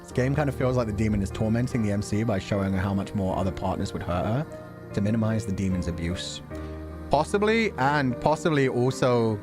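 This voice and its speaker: Music runs in the background as this livestream host plays a visual novel, voicing its narration and chatting loosely about the story. His pitch is fairly low, his delivery animated and a little fast.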